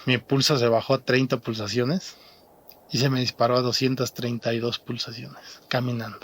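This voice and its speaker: A young man from Mexico, telling his own story in a halting way, often repeating and restarting words. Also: medium pitch, flat delivery, fairly bright tone. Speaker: interviewed athlete. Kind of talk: personal testimony. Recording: faint music behind the voice.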